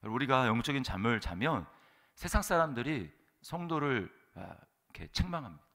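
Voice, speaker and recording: A man delivers a sermon as pastor of a church. His voice is bright and forceful, and he preaches emphatically, punctuating his points with rhetorical questions and frequent affirmations. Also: mid-range voice, big pitch swings, moderate pace.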